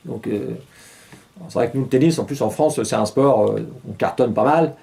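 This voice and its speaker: A man's voice: mid-range voice, normal speed, vocal fry, dark tone. Rambling middle-aged man hosting a mock newscast. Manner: rambling, irreverent, full of hesitations and chuckles. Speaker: host of a satirical weekly news show.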